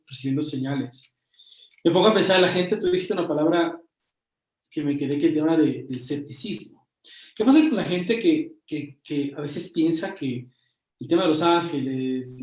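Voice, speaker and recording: A man's voice: a little high, reverberant, rough recording. A man interviewing a coach, asking his questions with hesitant restarts.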